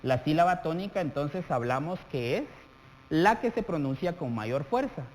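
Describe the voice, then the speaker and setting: Guy from guatemala teaching a tv lesson, kinda high voice that jumps around a lot, talks right to you, echoey room w/ faint hum. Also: lively intonation, normal speed, darkish tone. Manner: addresses the viewer directly, stretches out example words while dictating. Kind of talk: televised classroom lesson. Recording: TV studio audio with long reverb and faint hum.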